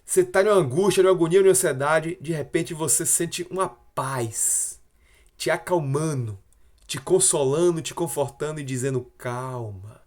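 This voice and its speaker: A man giving a devotional Bible lesson, swinging between hushed, slow stretches and loud, emphatic ones. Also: a little high. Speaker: Bible teacher. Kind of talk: devotional teaching.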